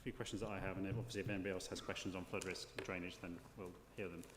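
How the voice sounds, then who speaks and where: A man presides over a formal hearing with a fairly low voice. He feels his way through questions, repeating words. The room is echoey and there is noise behind him. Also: fairly even intonation, racing. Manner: hesitant, often repeating words as he phrases questions. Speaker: planning inspector chairing an inquiry. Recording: echoey hall with clear background noise.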